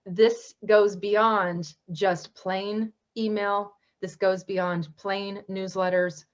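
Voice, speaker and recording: Woman, marketing speaker, webinar presentation, enthusiastic, conversational, slightly muffled audio. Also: medium pitch.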